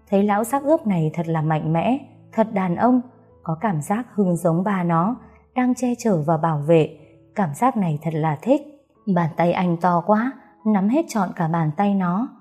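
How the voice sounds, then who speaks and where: A woman reads an audiobook in a low, mellow voice. Her storytelling is steady and even, with faint music underneath. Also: breathy edge. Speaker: audiobook narrator. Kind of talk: scripted story narration.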